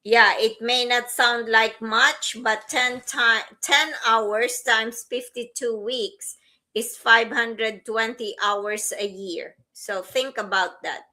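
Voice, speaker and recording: Slow bright-voiced woman from the Philippines. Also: fairly high pitch, fairly even intonation, poor audio. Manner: hesitant, many fillers and laughs. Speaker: co-host, teacher. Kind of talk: casual podcast chat.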